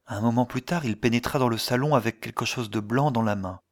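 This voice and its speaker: A man narrating a story in a measured way, as an audiobook reader. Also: mid-range voice. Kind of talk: scripted narration.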